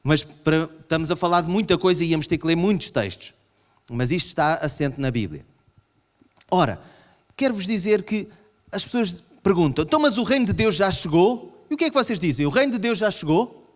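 Animated Portuguese preacher in reverberant hall. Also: male voice, brisk. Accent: European Portuguese. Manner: animated, acts out voices of the congregation in raised pitch. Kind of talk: sermon.

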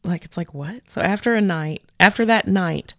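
A woman hosting a podcast, retelling a case in a chatty, animated way with many fillers. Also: fairly low pitch, moderate pace, dry recording, studio quality. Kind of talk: casual storytelling chat.

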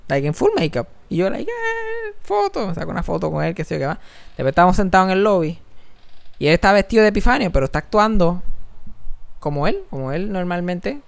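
A man's voice: high-pitched, quick pace, gravelly, no room sound. A man with a Puerto Rican accent telling casual stories on a podcast, slipping English words into his Spanish. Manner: animated, mixes English into Spanish, laughs often. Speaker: podcast co-host. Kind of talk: casual storytelling chat.

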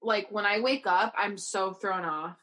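A woman co-hosting a podcast, chatting casually, agreeing quickly and laughing easily. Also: medium pitch, fairly bright tone. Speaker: podcast co-host. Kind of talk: casual chat.

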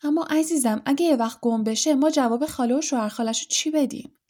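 Woman putting on a fussy motherly witch, anxious, bossy, raised pitch, mellow tone, storybook. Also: close to an everyday voice. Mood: fussing, worried. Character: fussing motherly middle-aged witch.

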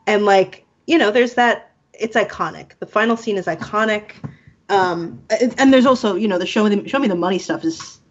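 A woman in casual podcast chat about a film, animated and laughing, acting out quotes with casual swearing. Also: medium pitch, fairly quick. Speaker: podcast co-host. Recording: muffled lo-fi sound.

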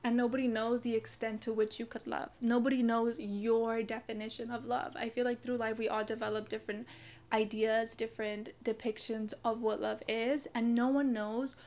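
A young woman with a slightly high voice talks earnestly in a casual, heartfelt way. She swears freely and keeps the tone of a friend giving advice. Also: little pitch movement, normal speed, a little mellow. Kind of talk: casual motivational talk.

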